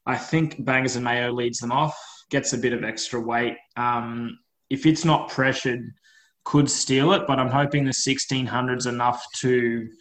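An Australian man with a mid-pitched voice chats through horse racing analysis as a co-host. He is informal, offering his picks as personal hunches. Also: fairly even intonation, a little slow, fairly bright tone, rough recording. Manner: informal, hedging with "I think" and "I reckon". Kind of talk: casual racing analysis chat.

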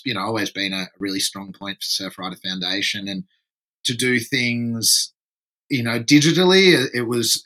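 A Frenchman in his thirties, a surf environmentalist appearing as a podcast guest, speaks casually and rambles, repeating words while he thinks. His voice sits fairly low with a sharp tone, and the recording quality is poor.

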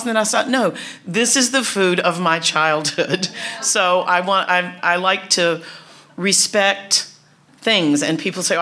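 Talking casually to an audience, a middle-aged woman with a lowish voice comes across chatty and warm. She often restarts her sentences and laughs a lot.

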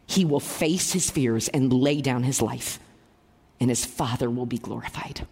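Husky-voiced woman preaching a sermon. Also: very deep voice, measured pace, darkish tone, long reverb tail. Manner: emphatic, explanatory teaching.

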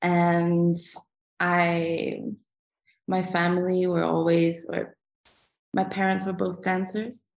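A woman's voice: lowish voice, completely flat delivery, slow pace, gravelly, long pauses. A young adult woman from Sweden, a ballet dancer answering interview questions in a hesitant way, with many fillers.

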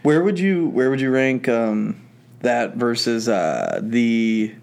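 A man's voice: medium pitch, very animated, slow, gravelly, darkish tone. A man who is a guest on a podcast, chatting casually and joking around. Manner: teasing, joking. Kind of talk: casual chat.

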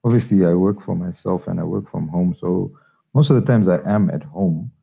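A deep, gravelly man from Zambia answers slowly, with fillers and restarts. His voice comes through a thin, phone-like line, husky and low. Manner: hesitant, many fillers and restarts. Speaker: guest, children's author. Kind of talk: interview answers.

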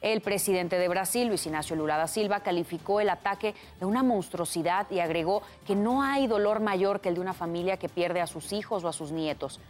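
A woman's voice: fairly low pitch, a little fast, hardly any pauses, a little mellow, soft background music. A woman with a Mexican accent reading scripted news as an anchor.

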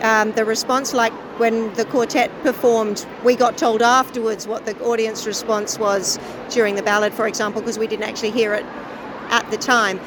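A woman with a croaky voice, answering casually in an interview as a chorus director and singer. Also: on the high side, little pitch movement, moderate pace. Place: busy convention venue. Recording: noisy location recording, busy venue ambience.

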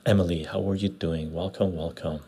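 A man with a gravelly, husky voice chatting casually as a livestream host, laid-back and repeating short phrases, recorded on a clip-on lapel mic. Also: low voice, steady tone, a little fast, dark tone. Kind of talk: casual livestream chat, greeting viewers and reading comments. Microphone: clip-on lapel mic into external recorder.

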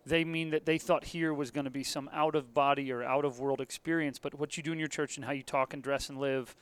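A man's voice: mid-range voice, fairly even intonation, a little fast, a bit bright, smooth. An American man hosting a podcast interview in a casual, wry and rambling conversational style. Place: basement room of a convention center.

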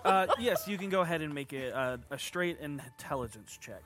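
A man's voice: a little high, lively intonation, moderate pace, heavy background noise. A man acting as game master, narrating scenes in a tabletop game with frequent filler words.

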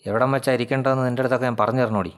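A man's voice: medium pitch, steady tone, racing, clear, resonant tone, close to an everyday voice. A man voicing a brutal, commanding policeman who barks his orders. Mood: menacing. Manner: barking, commanding. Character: brutal, menacing male policeman.

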